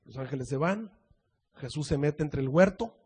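A male preacher telling a sermon story dramatically, swinging from loud proclamations to hushed asides. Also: a little high, lively intonation, moderate pace, husky.

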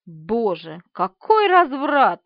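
A woman's voice: on the high side, big pitch swings, slow, no room sound, heavily acted. A woman voicing a brusque, sarcastic middle-aged man in an audiobook. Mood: sneering. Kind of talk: audiobook character voice. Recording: slightly dull, dry.

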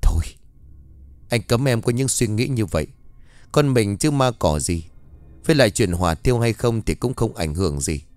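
A man voicing a middle-aged man who soothes and reassures in a low, hushed voice. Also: animated, moderate pace, no echo, faint music behind, close to an everyday voice. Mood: soothing, firm.

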